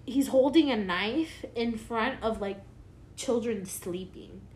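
A woman's voice: a little high, slow pace. A woman co-hosting a casual podcast, rambling through a story with lots of filler words and the odd swear. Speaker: podcast co-host. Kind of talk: casual conspiracy chat.

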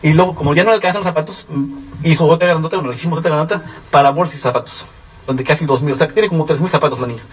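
Fast-talking Mexican man addressing a seminar. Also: a little high, breathy edge, far from the mic, rough recording. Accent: Mexican Spanish. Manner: rapid, animated storytelling with frequent "¿sí?" check-ins. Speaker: seminar speaker. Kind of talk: testimonial speech to an audience.

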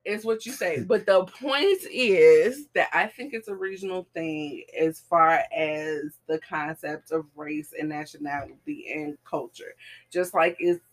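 A woman's voice: low voice, a little slow. A woman co-hosting a podcast in casual chat, steadily explaining and arguing her point. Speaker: podcast co-host.

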